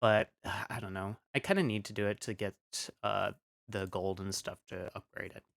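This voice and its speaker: A man's voice: on the low side, steady tone, normal speed, gravelly, a bit bright, no echo. A man streaming casually, rambling with many fillers as he reads chat aloud, still coughing after an illness.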